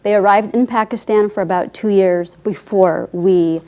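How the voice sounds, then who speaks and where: As an author guest, a woman in her forties from Afghanistan, Farsi her mother tongue, recounts her life in an interview with earnest feeling. Her mid-range voice is a little mellow with fairly even intonation, she talks at normal speed, and "I mean" comes up often.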